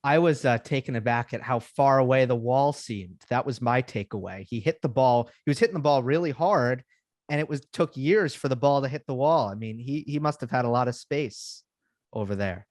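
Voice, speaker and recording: A man hosting a casual tennis podcast, relaxed and joking, with lots of ums and uhs. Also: mid-range voice, normal speed, dry recording, studio quality. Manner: relaxed, filler-heavy, joking. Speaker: podcast host.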